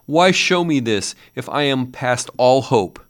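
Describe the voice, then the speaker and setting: A man's voice: mid-range voice, animated, a little slow, fairly bright tone, voice pushed up. A man voicing a frightened old male miser who begs a ghost in earnest, old-fashioned speech, his voice strained and rising to anguished cries. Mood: desperate pleading. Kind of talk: audiobook character voice.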